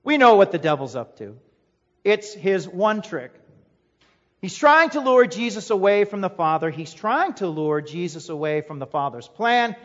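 A man's voice: high voice, big pitch swings, moderate pace, a bit bright. A male pastor preaching a sermon in an emphatic way, with rhetorical questions and a repeated refrain. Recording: echoey hall, dull lo-fi sound.

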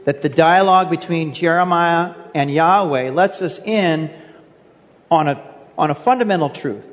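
A man's voice: on the high side, measured pace, long reverb tail, highs cut off. A male pastor preaching a sermon in an earnest way, asking his listeners rhetorical questions. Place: church sanctuary.

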